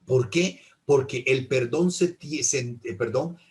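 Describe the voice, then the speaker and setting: A man's voice: medium pitch, measured pace. A middle-aged man, a priest teaching an informal Bible class, who explains patiently and keeps checking in with his listeners. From Costa Rica.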